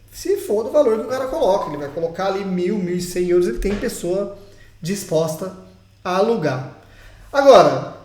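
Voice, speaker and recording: A young Brazilian man with a Brazilian Portuguese accent and a high, slightly mellow voice records a casual opinion vlog at his home in Portugal. Chatty and emphatic, he speaks straight to his viewers. The recording has a roomy echo.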